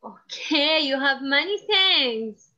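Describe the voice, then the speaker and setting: High-pitched woman teaching a child to count. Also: animated, takes it slowly, bright, forceful tone. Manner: encouraging, with short simple prompts and repeats. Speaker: kindergarten maths teacher. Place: video call. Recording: muffled online class audio.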